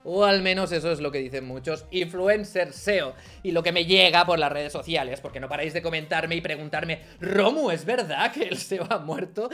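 Excitable man, swings loud and soft. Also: high-pitched. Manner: theatrical, swears freely, big swings between shouting and mumbling. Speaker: online marketing youtuber. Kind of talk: energetic explainer vlog.

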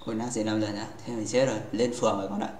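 A man's voice: lowish voice, level tone, racing, a little mellow. A man hosting a gaming livestream in casual chat, playful and teasing with his viewers, rambling and restarting his sentences. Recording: echoey room.

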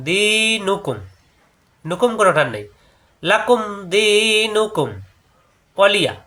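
High-voiced man teaching Quran recitation. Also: bright, forceful tone. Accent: Bangladeshi Bengali. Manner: explains rules step by step, then chants verses slowly. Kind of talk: tajweed lesson with chanted recitation.

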